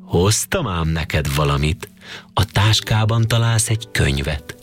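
A man's voice: deep voice, lively intonation, faint music behind, pitched below the performer's own voice. A man voicing a playful, courtly old grandfather in a read-aloud storybook, talking in a teasing sing-song way. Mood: gentle. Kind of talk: storybook reading.

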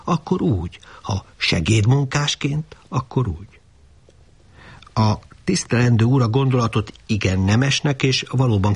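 A man reading his own novel aloud in a measured, wry narrating voice. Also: mid-range voice, husky. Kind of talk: audiobook reading.

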